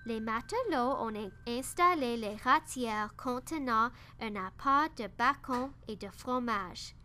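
Slow, bright-voiced woman reading a kids' story. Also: a little high. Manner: slow, careful, clear reading. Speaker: narrator. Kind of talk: reading a children's story aloud.

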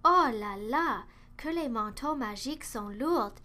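A woman's voice: on the high side, a little slow, a bit bright. A woman voicing an eager, impatient little girl in a storybook reading. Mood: exclaiming.

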